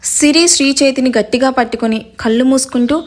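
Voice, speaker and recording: A woman narrates a romantic serial story in steady, even storytelling. Her voice sits a little high for a woman. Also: fairly quick.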